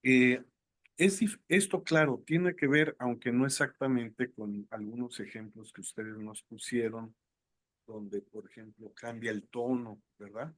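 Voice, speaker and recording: Male instructor; slow, halting lecture delivery, dry close mic. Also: mid-range voice, fairly bright tone, no room sound. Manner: unhurried, thinking aloud with many fillers. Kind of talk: online lecture.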